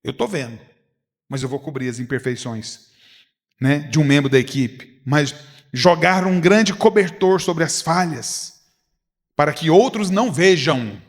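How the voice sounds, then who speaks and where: In a large church hall, a pastor with a somewhat high voice and lively intonation preaches a conversational sermon at a leaders' retreat, speaking a little slowly. He has a Goiás Brazilian Portuguese accent, acts out little dialogues, and poses rhetorical questions to his listeners.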